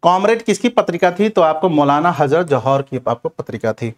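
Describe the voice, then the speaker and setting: With a lively, somewhat high voice and a slightly fast delivery, this man leads a Q&A revision session for exam prep, teaching methodically and frequently repeating phrases to check understanding.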